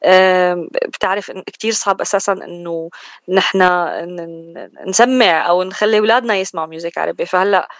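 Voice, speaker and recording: A woman's voice: fairly low pitch, fairly quick, no echo. A woman with a Levantine Arabic accent chatting casually as a singer in a radio interview, switching between Arabic and English mid-sentence.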